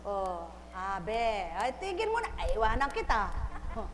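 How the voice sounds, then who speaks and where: A woman's voice: mid-range voice, big pitch swings, a little slow. A woman leading a live prayer session, coaxing and urging someone in short repeated phrases and laughing often. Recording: echoey hall from far off.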